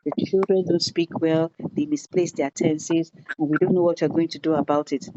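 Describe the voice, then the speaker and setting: Lady consultant teaching teachers on a video call, acts out the kids, low voice, muffled dry sound. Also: moderate pace, background noise. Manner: animated storytelling, acts out children's voices, repeats phrases for emphasis. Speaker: education consultant leading an online teacher training.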